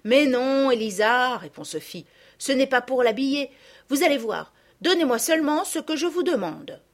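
A woman's voice: sits high, sing-song, normal speed. A woman voicing a young girl, eager and sure of herself, in a storybook reading. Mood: insistent. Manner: stammering when caught out.

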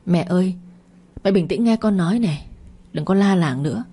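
A grown son, callous and irritable, brushing off his mother's anger in a narrated story, as a woman reads him. Low, mellow and husky, with a dismissive bite. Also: expressive, normal speed. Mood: irritated. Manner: dismissive, snapping back.

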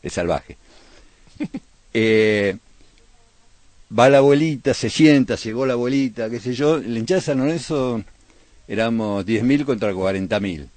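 A man's voice: medium pitch, measured pace, long pauses, darkish tone, dry recording. A man with an Argentine accent, a radio host telling playful football crowd stories in casual chat. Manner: playful, chanting bits of crowd songs in his stories.

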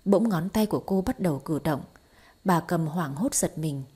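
A woman reading a romance story aloud in steady, scripted audiobook narration. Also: on the low side, moderate pace, husky.

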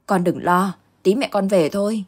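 A woman voicing a kind middle-aged neighbor who gently reassures a child. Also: medium pitch, moderate pace, husky, natural voice. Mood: reassuring.

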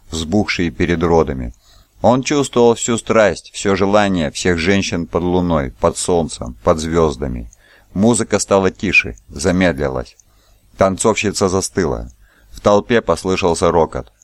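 A man with a very low, deep voice reads a novel aloud in an even, measured way. The sound is dry and close, with no room around it. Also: dry recording. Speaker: audiobook narrator. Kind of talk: scripted narration.

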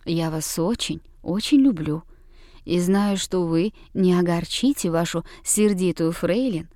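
Woman doing a soft sad governess voice, low and hushed, mellow and dry. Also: a little slow, dry recording, lightly acted. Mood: tender. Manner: soft, tender, quietly sad. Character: gentle tearful young governess, soft-spoken. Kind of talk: audiobook character reading.

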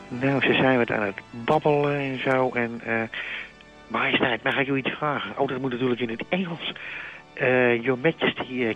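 A man's voice: mid-range voice, vocal fry, a bit bright, highs cut off. A man playing a starstruck, chatty male reporter who rambles on in a comic fake live report. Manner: chatty, rambling, self-congratulatory. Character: bumbling, starstruck male reporter at a royal wedding.

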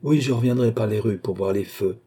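A man voicing a lively noblewoman of about thirty who gives brisk, commanding orders. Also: on the low side, slightly rough. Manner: brisk, imperious questions.

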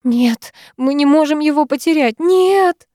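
Brief: woman reader voicing a hysterical young woman, shrill and tearful, dry close sound. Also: measured pace, warm tone, no echo. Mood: frantic. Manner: frantic, tearful high cries. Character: young woman friend, panicked and sobbing.

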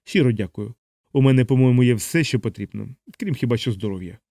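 A man voicing a sardonic young bomber captain in a hospital bed, speaking in a deadpan, mocking way. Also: medium pitch, fast talker, dry recording, natural voice.

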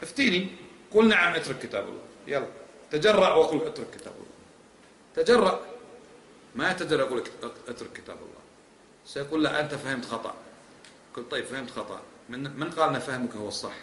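A man's voice: on the high side, expressive, fast talker, a bit bright, a little hiss or hum. A man teaching a lesson on creed, pressing his points with emphatic rhetorical questions. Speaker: religious teacher. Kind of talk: lecture on creed. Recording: echoey hall.

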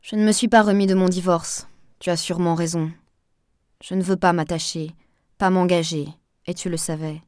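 A woman's voice: fairly low pitch, fairly even intonation, normal speed, no room sound, studio quality, close to an everyday voice. A woman reading a weary, reserved divorced man. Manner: hushed, weary, restrained.

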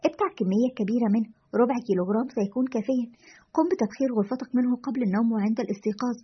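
Woman reading commanding male host, husky read, dull lo-fi sound. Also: on the high side, racing. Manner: firm, instructing. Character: calm, commanding man radio host. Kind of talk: storytelling narration. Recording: lo-fi dull audio.

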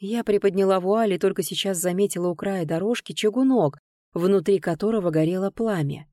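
A woman narrating a first-person audiobook in a lively, expressive storytelling manner. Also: medium pitch, a little fast, dry recording, clean studio sound.

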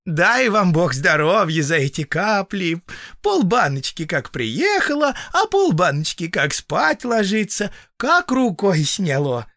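A sly young peasant woman, put on by a male reader, coos her thanks in a high, sing-song, fawning voice. She sounds flattering and artful. The recording is dry and close. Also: slow pace, no room sound, exaggerated voice. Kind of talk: audiobook reading.

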